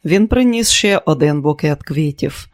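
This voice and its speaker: A man reading a novel aloud as audiobook narrator, in a steady, even manner. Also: a little high, a little slow. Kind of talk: scripted narration.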